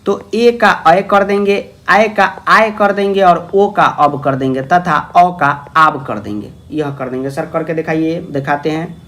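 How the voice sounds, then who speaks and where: A man's voice: on the high side, unhurried, a bit bright. A man teaching a grammar lesson, coaxing his students along, calling them "babu" and posing their questions himself before answering. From India. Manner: coaxing, calls listeners "babu". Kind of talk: classroom-style grammar lesson.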